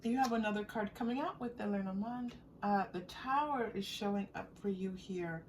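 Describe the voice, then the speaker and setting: A tarot reader speaks right to the listener during a casual, improvised reading, keeping things encouraging and chatty. Her mid-range voice holds a moderate pace. The mic sits at a distance and catches faint noise.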